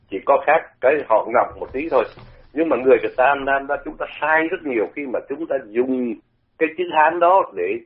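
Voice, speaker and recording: An older man from Vietnam, talking on the radio and explaining pronunciation in a conversational way, often repeating words to demonstrate them. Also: mid-range voice. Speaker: radio commentator. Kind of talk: radio talk, explaining language. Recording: phone-like radio line.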